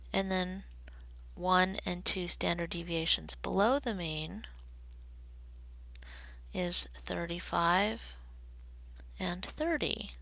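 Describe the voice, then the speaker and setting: A woman teaches a recorded statistics lesson, drawing graphs and explaining each step slowly and deliberately. Her medium-pitched voice has vocal fry and sounds pushed and bright. The recording is dry and low in quality.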